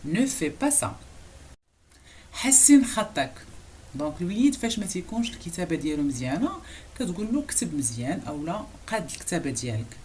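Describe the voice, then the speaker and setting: Lively Moroccan woman teaching French phrases. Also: lowish voice, a little hiss or hum. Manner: repeats each phrase slowly, then explains it quickly. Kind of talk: language lesson explaining phrases.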